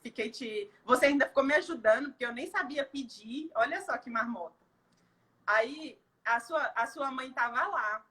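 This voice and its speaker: A woman from Brazil with a bright, high voice recounts a painful personal memory. She speaks in a heartfelt, tearful way, circling back with fillers and restarts as she tells it. Her tone stays clear and ringing throughout. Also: normal speed. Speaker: guest giving a testimonial. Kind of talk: emotional personal testimony.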